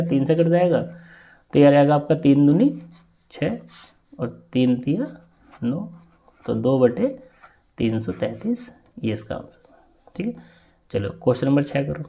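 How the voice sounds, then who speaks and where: A man teaching an exam-prep maths lesson, explaining step by step and often asking if it is clear. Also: a little high. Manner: steady step-by-step explaining with frequent check-in questions.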